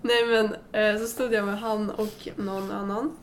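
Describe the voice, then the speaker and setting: A young woman in casual chat, telling a story in a relaxed way. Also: mid-range voice, a little hiss or hum.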